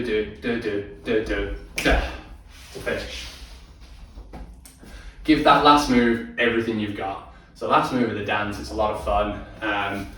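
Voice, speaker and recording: A man's voice: fairly low pitch, a bit bright, a little hiss or hum. A man teaching a dance tutorial, counting out beats, singing cues and chatting encouragingly with many ums. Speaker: dance instructor. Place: dance studio. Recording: very echoey studio from far off.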